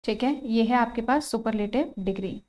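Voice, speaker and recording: Woman, Indian accent, online grammar teacher, fairly high voice, drawn-out spelling of words, repeats herself. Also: darkish tone, low-quality recording. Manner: spells out words slowly, repeats key phrases. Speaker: English teacher. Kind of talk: online exam-prep grammar lesson.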